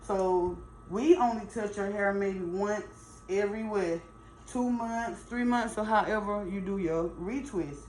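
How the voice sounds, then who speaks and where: A woman's voice: mid-range voice, unhurried, a little mellow. A middle-aged woman gives casual, chatty advice as a hair stylist, emphatic and folksy, repeating points for stress. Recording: roomy echo, faint background noise.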